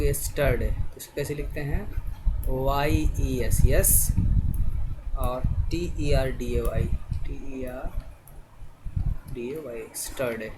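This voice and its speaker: A medium-pitched man gives a spelling lesson, spelling words out letter by letter and often pausing to make sure the viewer is keeping up. A noisy background hiss runs through the recording.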